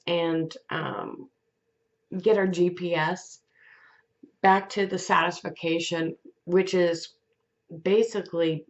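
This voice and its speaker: A woman giving a weekly tarot reading in a gentle, unhurried way, with fillers and restarts. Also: lowish voice, muffled recording. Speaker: tarot reader.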